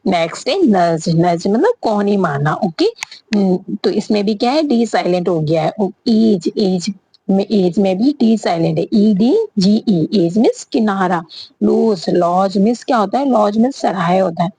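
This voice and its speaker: Breathy woman teaching, asking and answering. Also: medium pitch, animated, mellow, dry recording. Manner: asks rhetorical questions and answers them herself; spells words out letter by letter, slowly. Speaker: English teacher. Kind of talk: spoken lesson.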